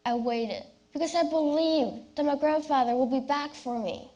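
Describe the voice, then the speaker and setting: High-pitched young woman giving a memorized speech. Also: dark tone, dull audio. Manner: memorized delivery, deliberate and theatrical, with dramatic pauses. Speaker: youth speech competition contestant. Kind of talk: rehearsed competition speech, personal storytelling.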